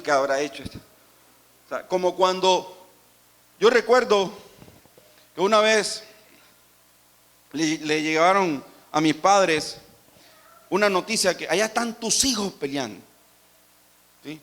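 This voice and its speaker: A man's voice: high voice, fairly bright tone. A man with a Colombian Caribbean Spanish accent, preaching a sermon as pastor and asking the congregation questions.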